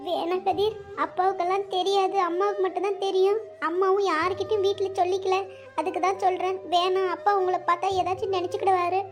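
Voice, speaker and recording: A woman's voice: very high voice, flat delivery, fast talker, faint music behind. A woman voicing a tearful, lovesick young woman in a cartoon, speaking. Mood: pleading. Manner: tearful, pleading. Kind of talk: cartoon voice acting.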